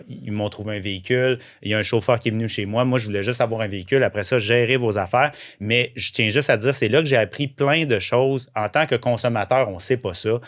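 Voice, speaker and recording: A man with a Québécois French accent, a guest recounting events animatedly in an interview. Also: mid-range voice. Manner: animated storytelling with restarts. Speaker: guest, vehicle owner. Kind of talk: casual interview chat.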